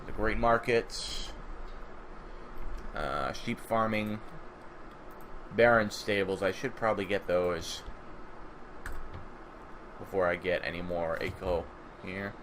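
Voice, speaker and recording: A sleepy man giving casual let's-play commentary on a strategy game, rambling and thinking aloud. His voice sits fairly low. Faint noise runs underneath. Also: takes it slowly, long pauses. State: sleepy, just woke up. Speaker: gaming channel host.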